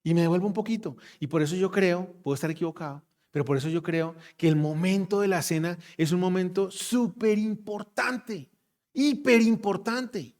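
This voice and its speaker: A man's voice: high-pitched, a little fast, few pauses, mellow. A man preaching a sermon, emphatic, repeating his phrases and putting questions straight to the congregation.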